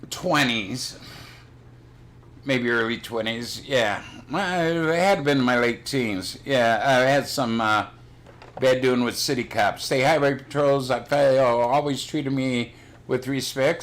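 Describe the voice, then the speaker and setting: A man's voice: medium pitch, unhurried, fairly bright tone. An older man chatting casually on his own livestream, blunt and rambling, swearing freely. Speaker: livestream host. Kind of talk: casual chat.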